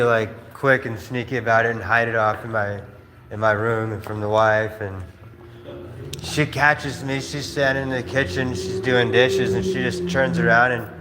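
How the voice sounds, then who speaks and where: A man's voice: medium pitch, pushed and bright. A man telling stories in a casual livestream, rambling and laughing with many fillers. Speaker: streamer. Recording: roomy space with faint noise.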